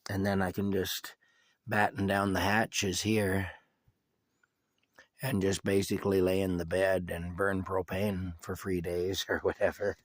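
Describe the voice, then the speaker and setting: A sick man with a cough, giving a casual, rambling video update from inside his camper, halting and restarting often. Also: sits low, bright, forceful tone, no echo. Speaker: vlogger giving a personal update.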